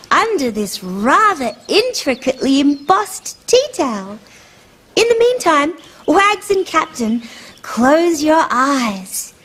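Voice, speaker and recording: A cheerful female dinosaur friend from a children's show, pitched extremely high and full of lilting movement. She takes her time, shaping simple words carefully in a kindly sing-song for small children. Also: fairly bright tone, full character voice. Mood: friendly, organizing. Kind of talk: children's show character presenting to young viewers.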